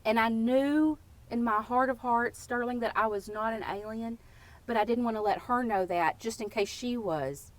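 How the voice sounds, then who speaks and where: A woman from Texas, a podcast guest telling casual, playful stories in a lively way. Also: fairly high pitch, moderate pace. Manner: lively, playful and warm-humored. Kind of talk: casual storytelling.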